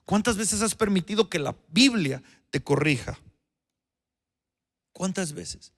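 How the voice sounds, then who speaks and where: A man preaching as a pastor, his voice pitched high for a man. It carries a gravelly rasp. He swings from loud, emphatic phrases down to low, quiet ones, repeats himself for effect and keeps asking his listeners questions. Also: expressive, takes it slowly. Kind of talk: sermon.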